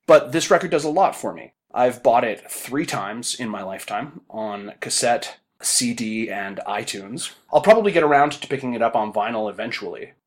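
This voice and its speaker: A man in his thirties hosting a podcast, reading a wry, essay-like monologue in a measured way. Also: mid-range voice. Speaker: podcast host. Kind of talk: podcast talk with a written monologue.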